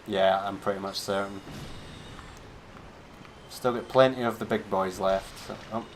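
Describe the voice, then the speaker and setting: A man's voice: fairly low pitch, fairly even intonation, measured pace, a little hiss or hum. A man streaming a game, giving laid-back, chatty commentary with a wry edge. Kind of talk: casual gameplay commentary.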